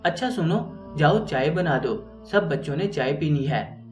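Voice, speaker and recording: A man's voice: fairly high pitch, animated, unhurried. A man voicing a self-serving elder sister-in-law who hands out orders offhandedly. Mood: offhand. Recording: roomy, distant mic, faint music.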